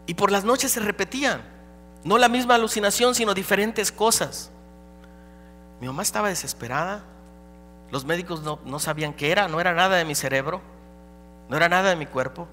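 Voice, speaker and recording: A man preaching a dramatic personal testimony as a pastor, swinging between loud and hushed. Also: sits high, a little fast, long pauses. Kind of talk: sermon testimony. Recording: live hall recording with reverb and hum.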